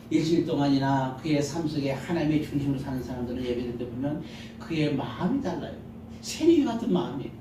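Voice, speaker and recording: A man's voice: sits high, dark tone, slight background noise. A male pastor preaching a Sunday sermon, acting out little scenes and asking the congregation questions. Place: large church sanctuary. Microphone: handheld mic. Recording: very echoey church hall, mic heard from a distance.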